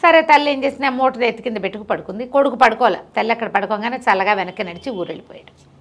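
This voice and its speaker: A woman storyteller telling a folk tale in a lively, chatty way, with asides to her listener. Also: fairly high pitch, racing.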